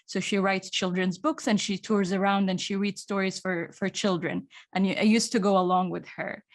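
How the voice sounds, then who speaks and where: A Saudi woman with a Saudi Arabian accent, who works as an actor and audiobook narrator, chats thoughtfully in a casual interview. Her medium-pitched voice often stops and restarts sentences.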